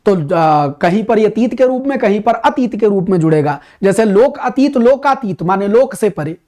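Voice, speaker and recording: A man teaching Hindi grammar for an exam, explaining patiently, slowing down to recite verses and repeating key words for emphasis. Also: extremely high pitch, darkish tone. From India. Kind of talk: exam-prep grammar lesson.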